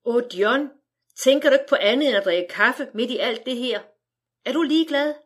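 A woman's voice: on the high side, animated, breathy edge. A woman voicing a distraught, weeping mother from the 1910s who stammers and pleads as she reads a storybook aloud. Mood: pleading.

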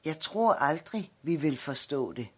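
Hushed solemn old grandfather in an audiobook, voiced by a husky male narrator. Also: on the high side, expressive. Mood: grave. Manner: grave, hushed. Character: old grandfather, grave and quiet.

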